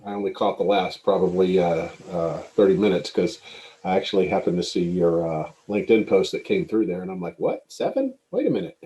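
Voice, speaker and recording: Deep, mellow man on a call. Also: steady tone, fairly quick, low-quality recording. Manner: hesitant, many fillers like "uh, you know". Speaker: community member on the call. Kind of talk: casual livestream discussion.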